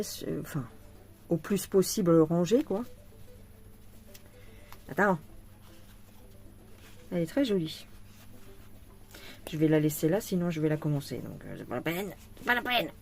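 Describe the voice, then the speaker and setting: A woman's voice: on the low side, darkish tone. A tired woman chatting to viewers while showing a cross-stitch kit at home, laughing often. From France. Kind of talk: casual chat unboxing a craft kit.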